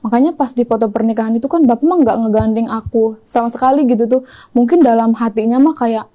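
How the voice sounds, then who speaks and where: Fast-talking young woman with a mellow voice. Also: on the high side. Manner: rapid, breathless retelling full of quoted dialogue. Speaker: interview guest. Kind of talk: confessional storytelling.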